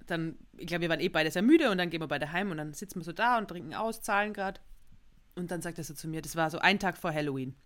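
A woman, co-hosting a casual podcast and telling an animated anecdote full of slang and swearing. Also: lowish voice. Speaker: podcast co-host.

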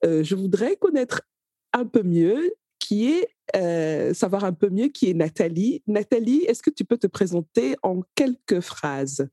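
A woman interviewing a guest, speaking slowly and hesitantly, often repeating words. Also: mid-range voice, big pitch swings, warm tone, husky, no room sound, clean studio sound. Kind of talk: conversational interview.

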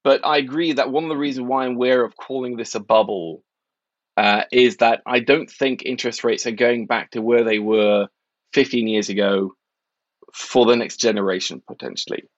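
A man from Norway who covers markets, speaking in a wry, measured, articulate way as an interview guest. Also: mid-range voice, steady tone, dry recording, dull audio. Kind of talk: conversational interview.

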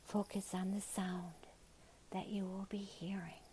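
A woman softly whispering a slow, soothing guided relaxation in ASMR style. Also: mid-range voice, level tone, a little hiss or hum.

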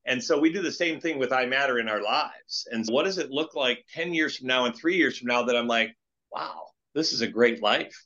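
A man's voice: medium pitch, normal speed, highs cut off. Earnest rambling man in his late fifties. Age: 50s. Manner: earnest, rambling, animated storytelling. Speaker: guest entrepreneur. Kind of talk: casual interview talk.

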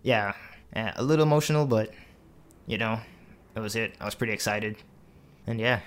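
A young man recounting his own story in a relaxed, chatty interview. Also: lowish voice, a little fast. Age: young adult. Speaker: interview guest. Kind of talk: casual interview.

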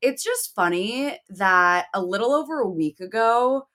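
A woman's voice: mid-range voice, lively intonation, unhurried, fairly bright tone. A woman guest on a podcast in casual chat, sick with a nasal voice, glum and self-deprecating.

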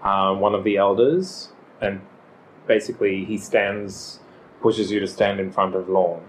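A man running a tabletop game as game master, narrating scenes and slowing into a solemn, measured delivery for formal speeches. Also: on the low side, fairly even intonation, a little hiss or hum, rough recording.

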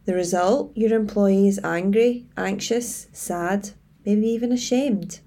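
Female coach presenting structured advice, measured and tidy, with a mellow tone and gravelly fry. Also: mid-range voice. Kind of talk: scripted advice presentation to camera.

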